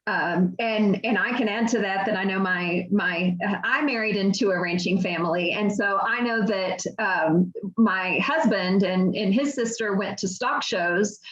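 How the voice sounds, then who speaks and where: Woman moderator, halting delivery, muffled lo-fi video call sound. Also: mid-range voice, fairly bright tone. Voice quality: hesitant, many ums and restarts. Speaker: event moderator. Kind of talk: reading out audience comments. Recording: dull lo-fi video call audio.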